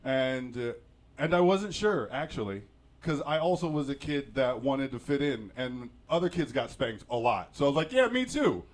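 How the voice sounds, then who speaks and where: A man's voice: medium pitch, normal speed. A man telling a reflective personal story in a casual monologue, laughing at himself often and often restarting his sentences. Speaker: podcast host.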